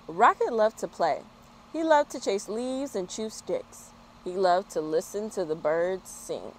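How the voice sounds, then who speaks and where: Outdoors in a yard, an American woman leads a children's story time, reading expressively and chatting warmly. She speaks unhurriedly at medium pitch. The rough recording, made on a small external microphone, carries street work, traffic and general outdoor ambience.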